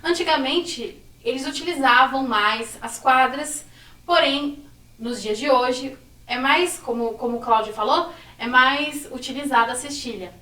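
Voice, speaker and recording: Woman, brazilian portuguese accent, workshop explainer, bright tone, roomy echo, off-mic. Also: high-pitched, measured pace. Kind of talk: workshop lesson. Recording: echoey room, mic at a distance.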